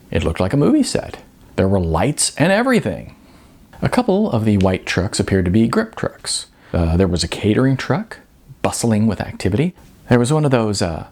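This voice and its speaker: Reading his novel aloud as its audiobook narrator, this man has a fairly low, gravelly voice. His delivery is expressive and chatty, broken by occasional hesitations.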